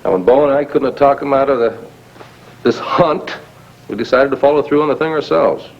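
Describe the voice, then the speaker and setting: A curt, tense grown son on old VHS tape. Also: male voice, medium pitch, fairly quick. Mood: explaining. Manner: curt and irritable. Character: tense, short-tempered grown son chasing a lost fortune. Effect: old VHS tape transfer. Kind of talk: 1980s daytime soap acting. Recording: dull lo-fi VHS with faint hiss.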